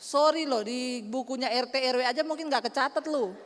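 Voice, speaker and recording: A woman's voice: high voice, brisk, a little hiss or hum. A woman pastor preaching a sermon, telling stories with humor and frequent asides to the congregation. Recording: long reverb of a church hall.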